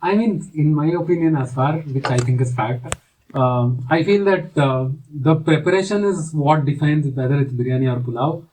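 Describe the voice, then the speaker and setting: A nineteen-year-old man with an Indian English accent, thinking out loud with pauses in a student panel discussion. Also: fairly high pitch, far from the mic, a little hiss or hum. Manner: thoughtful, hedging with fillers. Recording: voice a bit off-mic.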